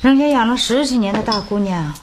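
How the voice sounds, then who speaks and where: A woman's voice: a little high, animated, brisk, background noise, close to an everyday voice. An actress playing a confident, bossy matchmaking woman in a period TV drama, assured and down-to-earth.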